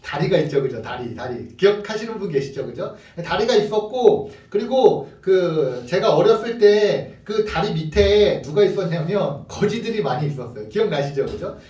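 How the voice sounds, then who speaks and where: A man's voice: high voice, moderate pace, hardly any pauses, roomy sound, recorded from a distance. A middle-aged man from Korea preaching a sermon as a pastor, telling stories and asking the congregation questions. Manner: animated storytelling, asks the congregation questions.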